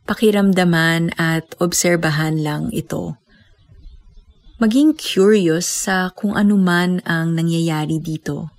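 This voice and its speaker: A woman with a Filipino accent leading a guided meditation as a teacher, speaking in a calm, gentle way with unhurried pauses. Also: on the low side, no room sound.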